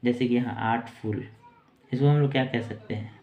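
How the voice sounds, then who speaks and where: Man teaching English words slowly. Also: medium pitch, fairly even intonation, highs cut off, a little hiss or hum. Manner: slow, repetitive word-by-word explaining. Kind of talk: casual teaching.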